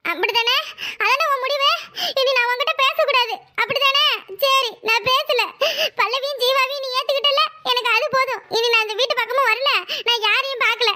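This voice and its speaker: A woman's voice: extremely high pitch, steady tone, brisk, sharp tone. A woman voicing a loyal young sister in a cartoon, with a Kanyakumari Tamil accent, pleading and coaxing her brother. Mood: sulky. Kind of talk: cartoon voice acting.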